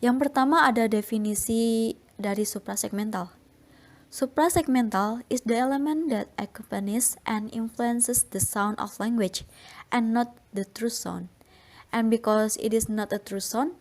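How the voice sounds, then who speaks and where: A young woman presenting a university phonetics class talk, reading her slides in a steady, explanatory way. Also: on the high side, measured pace. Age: young adult. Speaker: student presenter.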